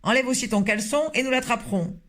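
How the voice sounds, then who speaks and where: A man's voice: extremely high pitch, a bit bright, pitched above the performer's own voice. A man doing a jeering kitchen cook. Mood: mocking. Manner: jeering, quick.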